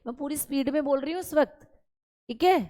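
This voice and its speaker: A woman's voice: high voice, brisk, dark tone. A woman teaching an online class, repeating key terms and talking directly to her students. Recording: long hall reverb.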